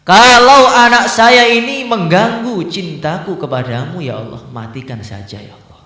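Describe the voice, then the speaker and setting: A man's voice: a little high, expressive, moderate pace, fairly bright tone, reverberant, pitched above the performer's own voice. A man voicing a devout former king, now an older ascetic, who cries out fervently in prayer and chants verse.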